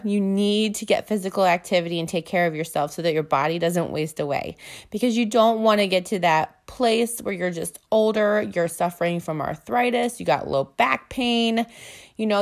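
A woman's voice: medium pitch, moderate pace. A young woman hosting a casual motivational talk, earnest and chatty, with many fillers and restarts, slightly out of breath. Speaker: host.

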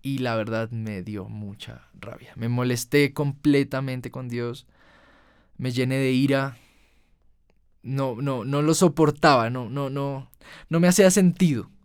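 A man's voice: mid-range voice, steady tone, a little slow, clean tone, dry recording, clean studio sound. A young man delivering an emotional personal monologue as a podcast host, earnest, with his voice climbing when he recalls his anger.

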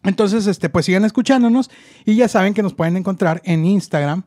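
Mexican guy cohosting a podcast, high voice, dry sound, swears and jokes around. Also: a little fast, warm tone, no room sound. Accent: Mexican Spanish. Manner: crude joking, laughs often. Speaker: podcast co-host. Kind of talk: casual podcast banter.

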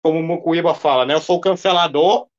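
A man's voice: a little high, fast, dull audio. A man as a livestream guest, defending himself in casual debate and repeating phrases over and over.

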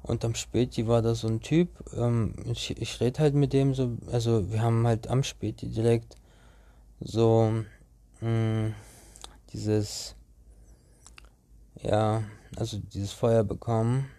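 Slangy young man, dark dry voice. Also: mid-range voice, flat delivery, slow pace, no room sound. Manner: slangy, rambling, many restarts. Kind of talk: casual storytelling.

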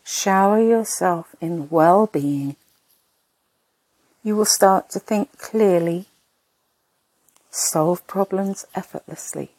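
A woman narrating a sleep meditation in a soft, breathy, husky voice, soothing and hushed, in short spaced phrases. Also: mid-range voice, slow, pauses often, dry recording, poor audio.

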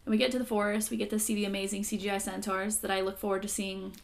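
A woman's voice: mid-range voice, flat delivery, very fast, vocal fry. A young woman co-hosting a podcast, chatting casually and wryly with a lot of hedging. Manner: chatty, wry, hedging with fillers. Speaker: podcast co-host.

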